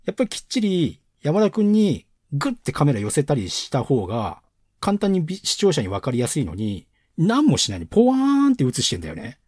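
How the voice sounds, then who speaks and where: A man's voice: a little high, huge pitch swings, fast talker, a little mellow, slightly rough, no room sound, clean studio sound. A man angrily tearing into a film in a casual chat. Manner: indignant, complaining. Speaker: film reviewer.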